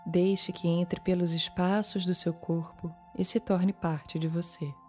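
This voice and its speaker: A Brazilian woman leading a guided meditation in a calm, soothing manner, leaving long pauses between short phrases. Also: fairly low pitch. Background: soft music.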